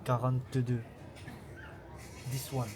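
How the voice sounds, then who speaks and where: A man chats casually in short, informal remarks. His voice sits at a medium pitch, with clear background noise around him. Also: monotone, takes it slowly. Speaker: travel vlogger. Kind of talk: casual chat.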